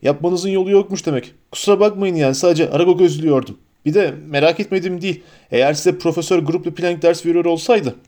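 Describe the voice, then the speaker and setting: Man putting on a grumbling half-giant, gruff, soft-hearted, raised voice, audiobook. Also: fairly high pitch, quick pace, hardly any pauses, voice pushed up, close to an everyday voice. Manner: grumbling, sulky, then sobbing.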